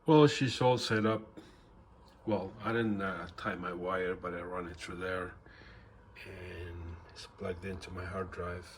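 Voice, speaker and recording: There's slight noise behind this low, steady voice as a man with a Mexican accent, host of a woodworking channel, casually unboxes a microphone and reviews it at a measured pace. He wanders off on tangents, full of fillers and dry jokes at his own expense.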